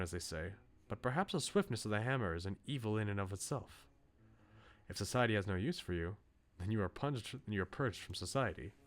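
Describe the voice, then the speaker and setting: A man reads lines for a bookish male student from a visual novel, a character who is articulate, philosophical and politely opinionated. His mid-range voice stays natural, and he sounds earnest and critical against background music.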